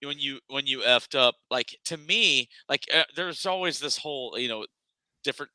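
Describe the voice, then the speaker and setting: A man's voice: mid-range voice, moderate pace, bright, forceful tone, no echo. A man reminiscing earnestly about his school sports days in a casual reunion chat.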